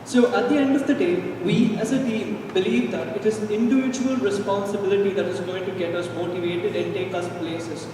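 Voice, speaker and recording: A young man from India walks through his team's ideas in an earnest, explanatory way. His voice sits quite high for a man, and he is picked up from far off in a big reverberant hall with clear background noise. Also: fairly even intonation, fairly quick, few pauses. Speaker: student presenter. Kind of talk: school team presentation.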